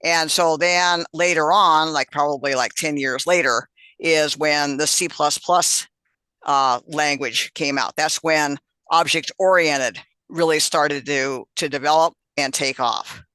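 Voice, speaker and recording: A man's voice: on the high side, fairly even intonation, unhurried, bright, forceful tone, clean tone, dry recording. A man leading a hobby meetup on an online call, explaining casually with many fillers and restarts. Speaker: meetup organizer and instructor.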